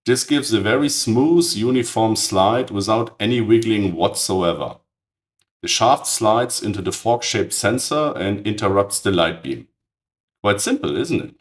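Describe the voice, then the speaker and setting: Hoarse man with a cold, lowish raspy voice, matter-of-fact technical narrator. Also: expressive, measured pace. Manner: precise, matter-of-fact, blunt verdicts on tools. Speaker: channel host.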